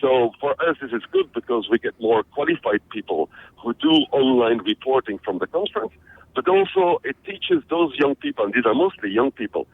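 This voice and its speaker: A man's voice: mid-range voice, vocal fry, a little hiss or hum. A middle-aged man from Belgium, a guest on a radio interview, talking energetically with many restarts and fillers. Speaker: interview guest, social media trainer. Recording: phone-like narrow band audio.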